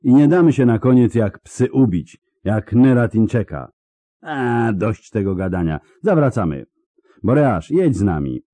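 Man doing a hoarse defiant woman mercenary, raised pitch, forceful and loud, dry close sound, audiobook. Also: sing-song, moderate pace, dry recording. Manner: proud, blunt and defiant.

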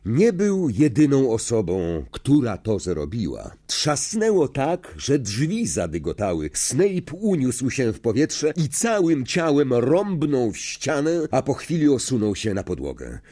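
A man narrating an audiobook in a slow, dramatic storytelling manner. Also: mid-range voice, wildly swooping pitch, dark tone. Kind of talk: scripted narration.

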